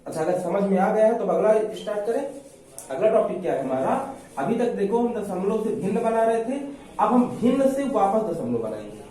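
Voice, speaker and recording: High lively male teacher, echoey room. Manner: asks students questions and answers them himself; repeats rules slowly for emphasis. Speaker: maths teacher. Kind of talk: exam-prep maths lesson. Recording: echoey room, far from mic, faint noise.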